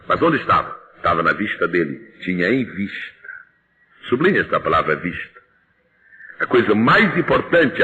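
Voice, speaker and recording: A male Brazilian preacher delivers a lively sermon, his pitch leaping up and down as he fires questions at the congregation. His voice is bright and forceful. The recording is dull and lo-fi. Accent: Brazilian Portuguese. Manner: animated preaching with call-and-response questions to the congregation. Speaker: pastor.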